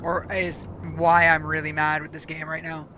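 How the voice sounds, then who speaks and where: A woman chats casually while streaming a game live, rambling and correcting herself as her voice begins to give out. She speaks at a moderate pace in a deep, monotone, sharp voice, with a slight hiss or hum on the audio.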